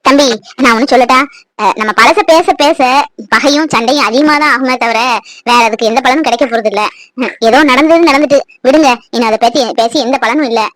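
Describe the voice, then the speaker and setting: A woman voicing a gentle middle-aged village mother in an animated family drama, speaking softly and pleadingly. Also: high voice, no echo, poor audio. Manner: soft, pleading, slow.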